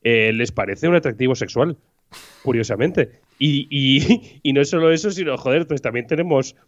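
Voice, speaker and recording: A man co-hosting a podcast, chatting casually in a relaxed, joking way. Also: medium pitch, normal speed. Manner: relaxed, joking, with many fillers. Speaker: podcast co-host. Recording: slightly dull lo-fi sound.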